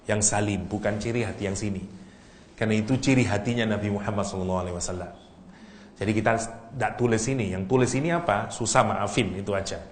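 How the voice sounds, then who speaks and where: A man giving a lively, teasing religious lecture and reciting Arabic verses. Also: fairly low pitch. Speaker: Islamic preacher. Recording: echoey hall, faint room noise.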